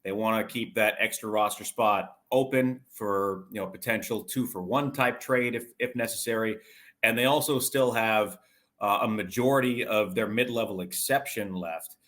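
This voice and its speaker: Speaking in a lowish, slightly bright voice, a man talks sports as an interview guest in a conversational way. He explains at length, and his answers run long and detailed.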